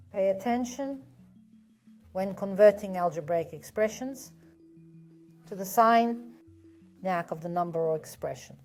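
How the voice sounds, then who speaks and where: A woman's voice: medium pitch, dark tone. A woman teaching a math lesson step by step, patient and methodical, often asking a question and then answering it herself.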